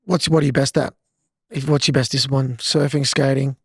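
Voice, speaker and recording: A man's voice: mid-range voice, level tone, brisk, vocal fry, husky, dry recording. A man hosting a podcast, asking curious questions with a joking, easygoing manner. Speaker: podcast host. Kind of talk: casual interview chat.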